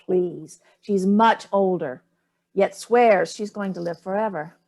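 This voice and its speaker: An older woman plays a haughty, evasive elderly mother in a staged play reading, theatrical and dismissive as she makes barbed remarks. Her mid-range voice is slow and darkish, and her mood comes across as breezy yet defensive.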